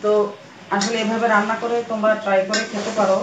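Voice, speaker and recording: A woman from Bangladesh with a hoarse voice from a cold, chatting casually as she explains her cooking steps in a home kitchen. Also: mid-range voice, little pitch movement, fast. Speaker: cooking vlogger. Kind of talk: casual cooking vlog narration. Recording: echoey kitchen with frying and rain noise.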